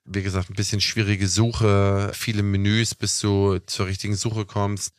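A man's voice: fairly low pitch, level tone, measured pace, no echo, clean studio sound. A young man hosting a casual talk show, explaining at length with lots of "ne?" fillers. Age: young adult. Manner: chatty, explanatory, with fillers like "ne?" and "was weiß ich". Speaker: podcast host.

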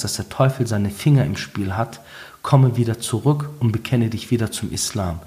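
A man retelling the words of a stern, devout father, speaking solemnly and in measured phrases. The voice is an ordinary male voice at a middle pitch. It stays close to the teller's own sound. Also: dark tone, lightly acted.

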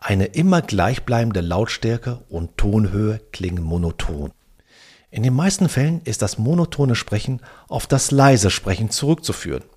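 A man's voice: on the low side, a little mellow, husky. A man hosting a podcast, coaching the listener on how to speak on the phone. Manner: coaching, addresses listener directly with exercises. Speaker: podcast host and sales coach. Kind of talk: instructive podcast monologue.

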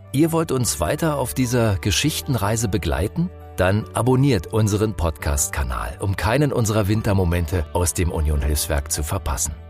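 Deep-voiced man reading a podcast outro. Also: a little mellow. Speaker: podcast host. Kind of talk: scripted outro.

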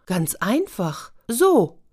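A woman's voice: fairly low pitch, lively intonation, normal speed, close to an everyday voice. A greedy hungry boy, as a woman reads him. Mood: eager. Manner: eager, self-justifying. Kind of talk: children's story reading.

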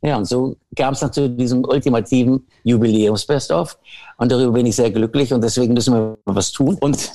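A man's voice: medium pitch, a little fast, mellow. Older man rambling through anecdotes. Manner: rambling storyteller with frequent restarts and self-deprecating asides. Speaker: award-winning guest. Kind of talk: casual anecdotal chat.

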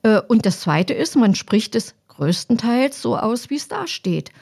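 A woman, a Latin teacher patiently explaining in a relaxed podcast conversation. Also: on the high side, measured pace, gravelly, breathy edge. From Weimarer Land, Germany.

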